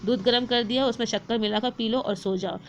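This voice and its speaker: A woman's voice: on the high side, steady tone, brisk, dull audio, a little hiss or hum, natural voice. Worried widowed mother, weary, sad tone, woman reading the part. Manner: weary, sorrowful.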